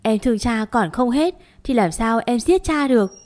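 A woman's voice: fairly high pitch, expressive, moderate pace, darkish tone, natural voice. A woman voicing a wronged young daughter-in-law who pleads her innocence in a choked voice. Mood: pleading.

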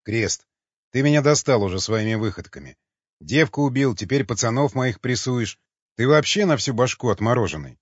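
An unflappable warrior leader, as a male audiobook narrator voices him, who speaks slowly, calmly and a little lower than the narration. The recording is dull and dry. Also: slightly rough, no echo. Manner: calm, level, unhurried. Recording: dull lo-fi sound.

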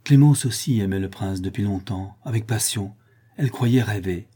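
A man narrating a classic novel in a measured, steady manner. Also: on the low side, husky. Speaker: audiobook narrator. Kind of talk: scripted narration.

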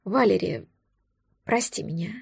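A woman voicing a thousand-year-old male dragon, anxious and tender, speaking low and pleading in an audiobook. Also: moderate pace, creaky, darkish tone, no room sound, studio quality. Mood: remorseful.

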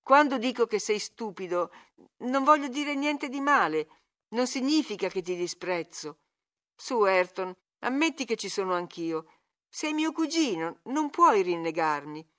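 A woman's voice: a little high, expressive, measured pace, fairly bright tone, pitched above the performer's own voice. A woman reading aloud, voicing a petulant, teasing young woman who turns pleading with her cousin. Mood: insistent. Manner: needling, then tearfully pleading.

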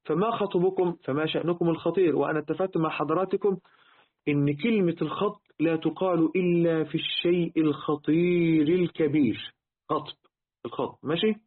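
Egyptian male religious teacher, fairly high voice, rapid delivery, tinny lo-fi phone-like sound. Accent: Egyptian Arabic. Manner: rhetorical questions to listeners, repeats key words. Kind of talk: Quran word-meaning lesson.

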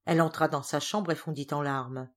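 A woman reading a classic novel aloud as an audiobook narrator, measured storytelling. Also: low voice, steady tone. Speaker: audiobook reader.

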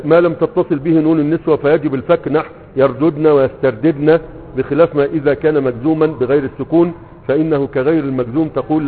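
A man with an Egyptian accent lectures on grammar, talking quickly in a slightly high voice. He explains point by point, often checking that his listeners follow. The sound is thin and phone-like, with a long echo as if in a large hall. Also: slight background noise. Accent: Egyptian Arabic. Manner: explains step by step, checking understanding with repeated "okay?". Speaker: teacher explaining Arabic morphology. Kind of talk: classroom lecture reading and explaining a grammar text.

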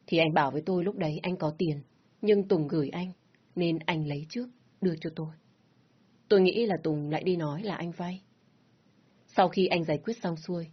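A woman narrating a first-person story in a soft, reflective, unhurried reading. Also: sits low, slightly rough, highs cut off.

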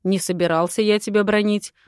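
A calm, patronizing old lord, as a woman reads him in an audiobook. He speaks with settled, condescending wisdom in a dry, close recording with no room sound. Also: medium pitch, brisk, smooth, no room sound, lightly acted. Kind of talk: audiobook character voice.

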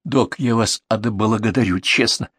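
A man's voice: lowish voice, unhurried, a bit bright, slightly rough, no echo, studio quality. A man voicing a frightened young male addict in his twenties, talking hurriedly and pleading, in a storybook reading. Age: 20s.

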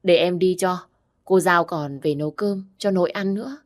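A woman voicing a meek, deferential sister-in-law who talks softly. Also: fairly low pitch, moderate pace, natural voice.

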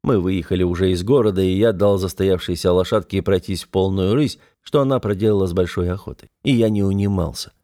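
A man narrating an adventure novel in first person, steady and storytelling. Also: low-pitched, a little fast, few pauses. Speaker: audiobook narrator.

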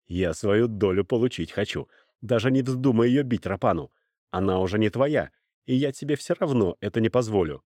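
A man's voice: lowish voice, lively intonation, moderate pace, a little mellow, no echo, studio quality. A man voicing a young guard who talks bluntly and plainly. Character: rough young male guard, blunt and amused.

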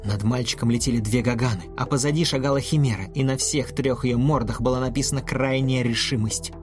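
A man narrating a fantasy story in a steady, measured audiobook reading. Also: mid-range voice. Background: faint music.

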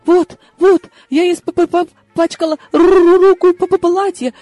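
A man voicing a spiteful, shrill woman in an audiobook, shrieking and stammering with fright. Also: level tone, measured pace, warm tone, no echo, faint music behind. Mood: stammering terror.

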